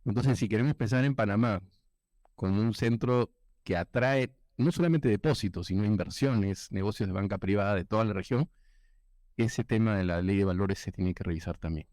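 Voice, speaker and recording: A man speaking at a banking panel discussion, measured and explanatory, with many fillers. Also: fairly low pitch, a little mellow, no room sound. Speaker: panel participant. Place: event room.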